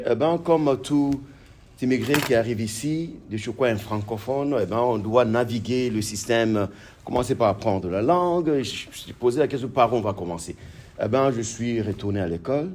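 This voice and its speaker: Speaking at a normal pace in a mid-range voice, this French-speaking police officer and guest author from Congo stumbles through interview answers with plenty of fillers and false starts before warming up. A faint hiss or hum sits under the recording.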